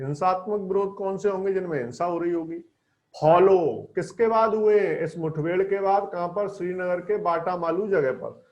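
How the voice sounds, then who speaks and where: A man's voice: sits high, a little mellow. A man teaching English vocabulary from a newspaper, explaining each word and quizzing his students with questions. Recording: dull lo-fi sound.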